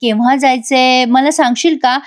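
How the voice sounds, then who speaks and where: A woman's voice: high-pitched, fairly even intonation, normal speed, dry recording, studio quality, close to an everyday voice. A woman voicing a young husband from a TV serial, sweet-talking and pleading with his wife. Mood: coaxing. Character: young husband, coaxing then baffled.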